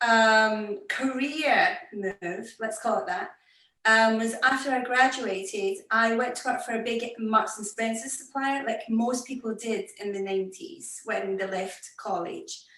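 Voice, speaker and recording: A middle-aged woman with a Scottish accent, a fashion executive interviewed over a video call, speaking deliberately slowly. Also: on the high side, bright, forceful tone. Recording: roomy, distant video call audio.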